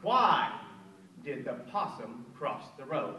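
A man's voice: medium pitch, sing-song, takes it slowly, sharp tone, a little hiss or hum. A middle-aged man ventriloquist playing the earnest straight man in a stage comedy act, stammering as he restarts. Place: small theater stage. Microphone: stand mic from a far camera. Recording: echoey room from far off.

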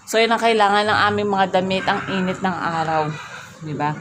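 A woman's voice: medium pitch, fairly quick, background noise. A woman family vlogger talking on a handheld phone at home, teasing a crying baby in playful baby-talk and chatting to her viewers. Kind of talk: casual home vlog narration.

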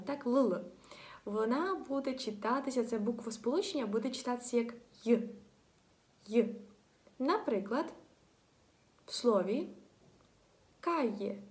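A woman teaching a beginners' lesson, patiently repeating each example word slowly. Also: on the high side, a little mellow. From Ukraine. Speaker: language teacher. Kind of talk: spoken lesson.

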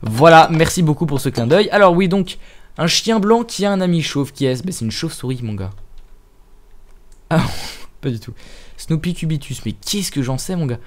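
A man's voice: fairly high pitch, lively intonation, normal speed, pauses often. Chatty young Frenchman gaming. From France. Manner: chatty, self-mocking, thinks out loud, swears. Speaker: gaming youtuber. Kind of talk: casual let's-play commentary. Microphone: headset.

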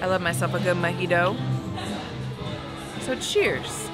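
A woman's voice: lowish voice, unhurried, over loud music. A young woman co-hosting a travel vlog, chatting in a bubbly way and often saying "like". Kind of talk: casual chat. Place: aboard a cruise ship, indoors.

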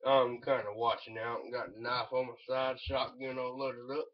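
A dull, lo-fi home recording of a young man with a Southern US accent. He speaks at a middle pitch in a casual, rambling way. He is blunt and swears freely, as if talking to viewers from his room. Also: little pitch movement, normal speed. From North Carolina, United States. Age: young adult. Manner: blunt, laid-back, heavy swearing. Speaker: vlogger reviewing chewing tobacco. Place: small room at home, indoors. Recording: dull lo-fi webcam audio.

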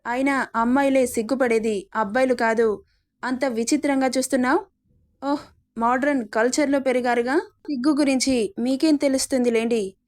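A woman gives voice to a defiant young student heroine in a romance story, scolding and indignant. The voice sits fairly high. She stands her ground and lectures. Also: fairly even intonation, moderate pace, lightly acted.

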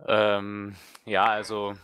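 A man's voice: lowish voice, monotone, very slow, a bit bright, smooth. A man, a guest let's player, chatting casually and rambling with lots of fillers and strong opinions. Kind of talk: casual podcast chat.

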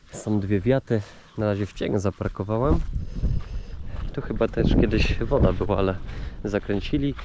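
A man's voice: fairly low pitch, darkish tone, a little hiss or hum. A man vlogging in a casual, chatty way, thinking aloud as he shows what he finds. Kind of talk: casual vlog narration.

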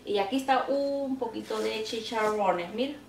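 A woman's voice: a little high, a little slow, vocal fry. A middle-aged woman with a Salvadoran accent chatting with her viewers while serving food, calling them sweet pet names. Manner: chatty, affectionate, calls viewers endearments. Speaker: cooking vlogger. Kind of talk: casual chat with live viewers. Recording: echoey room with faint noise.

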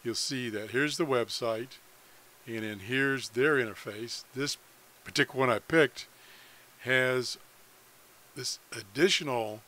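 Slowly and with frequent pauses, an American man speaks in a medium-pitched voice that's bright and forceful. As an amateur radio hobbyist, he's demonstrating a website in a loose, unscripted screen-share, thinking out loud.

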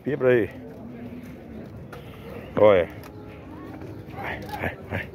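A Northeast Brazilian farmer with a medium-pitched, slightly mellow voice draws out his words, his pitch swooping wildly as he vlogs a casual cattle-market walkthrough. He chats away, filling gaps with tag questions such as "né" and "pessoal." The handheld phone camera picks up outdoor cattle and vehicle noise.

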